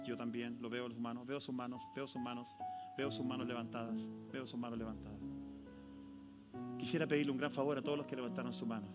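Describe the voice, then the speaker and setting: A man with a Chilean accent, a pastor preaching a sermon and leading an altar call, swinging from loud questions to hushed, intimate tones. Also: medium pitch. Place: church sanctuary. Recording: live church sound with loud guitar music behind. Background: guitar music.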